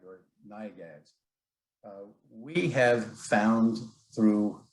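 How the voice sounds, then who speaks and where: A man presents formally over a video call, his somewhat low voice coming through a laptop's built-in microphone. His audio keeps cutting in and out and sometimes sounds distant. He speaks in a measured, halting way. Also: darkish tone, reverberant. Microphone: laptop internal microphone.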